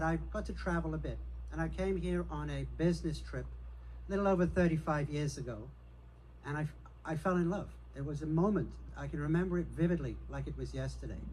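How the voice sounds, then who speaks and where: A man's voice: on the high side, a little mellow, a little hiss or hum, poor audio. A middle-aged man gives a confident, personable campaign speech as a city council candidate. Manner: confident, personable, self-assured.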